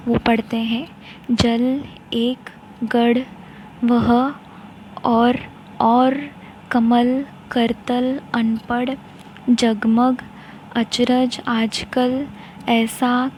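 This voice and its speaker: A woman's voice: on the high side, a little mellow, slight background noise, low-quality recording. A woman teacher reading out a word list to young pupils, explaining each word simply. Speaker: primary school teacher.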